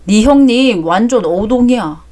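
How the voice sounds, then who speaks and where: A woman's voice: on the high side, animated, unhurried, a little mellow. A woman voicing a boastful middle-aged male fruit seller who gossips crudely. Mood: gossiping.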